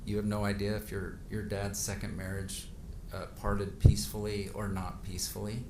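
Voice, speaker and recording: Man, lowish voice, courtroom recording, echoey room, steady background noise, pressing questions. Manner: pressing, halting questions with many fillers. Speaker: attorney questioning a witness. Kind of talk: courtroom cross-examination. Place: large courtroom.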